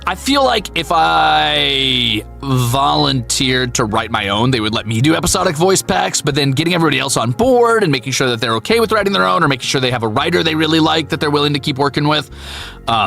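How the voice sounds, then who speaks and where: An animated VTuber streamer and voice actor with a bright, gravelly, mid-range voice answers viewers in casual livestream chat. He's candid and playful, profane, and quick to put himself down.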